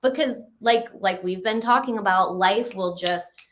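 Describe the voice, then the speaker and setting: A woman in her thirties, a guest in a casual interview, talking in a quick, animated way and often laughing. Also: medium pitch. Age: 30s. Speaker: podcast guest.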